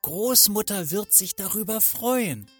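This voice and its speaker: A man voicing an excitable little girl in a fairy tale, speaking in a high, bright childlike voice. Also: a little slow, soft background music, full character voice. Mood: delighted.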